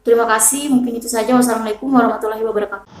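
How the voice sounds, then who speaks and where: A woman's voice: a little high, steady tone, racing, a little hiss or hum. A woman student giving a class presentation, hesitant with many filler sounds. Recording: echoey room.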